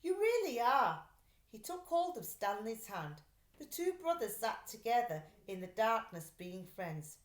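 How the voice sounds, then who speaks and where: In a mid-range voice, a woman reads a children's storybook aloud like a teacher, animated yet deliberate in her storytelling. The recording sounds roomy and echoey.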